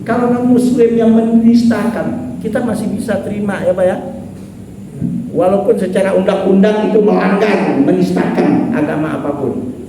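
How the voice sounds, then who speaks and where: A man's voice: high-pitched, normal speed, background noise. A man teaching a mosque study class, telling jokey stories and asking the congregation rhetorical questions. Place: mosque prayer hall. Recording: echoey mosque hall from far off.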